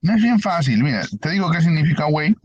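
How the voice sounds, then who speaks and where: A man's voice: fairly high pitch, expressive, quick pace, slightly rough, no room sound, highs cut off. A male teacher explaining ideas to a class and asking them questions as he goes. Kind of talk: online university lecture.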